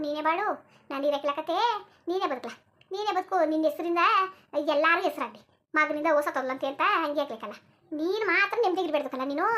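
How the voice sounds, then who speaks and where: Woman voicing a shrill scolding old village granny. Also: fairly bright tone. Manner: rapid scolding, cursing. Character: sharp-tongued old village grandmother, scolding.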